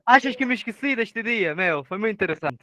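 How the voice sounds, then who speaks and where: A man's voice: sits high, animated, a little fast, pushed and bright. A man playing a mock King of Portugal. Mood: teasing. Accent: put-on European Portuguese. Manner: playful, teasing, mock-formal. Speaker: student.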